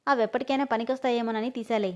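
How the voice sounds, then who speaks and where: A woman's voice: on the high side, fairly even intonation, fast talker, lo-fi sound, noisy background, natural voice. A woman voicing a scheming young woman plotting with her mother, in a storybook reading.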